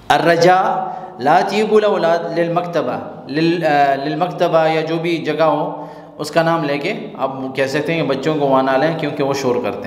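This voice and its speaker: A man teaching spoken Arabic phrases, repeating each one slowly and then explaining its meaning. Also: a little high. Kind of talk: language lesson explaining Gulf Arabic phrases in Urdu. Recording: echoey room with long reverb.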